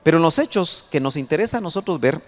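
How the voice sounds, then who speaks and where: A male pastor gives a teaching sermon in a church hall, his fairly high voice swinging widely in pitch. He explains each verse patiently and reads scripture aloud with growing emphasis. A long reverb trails each phrase. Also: lively intonation. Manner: explains verses slowly, pointing at a chart. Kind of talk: Bible study sermon.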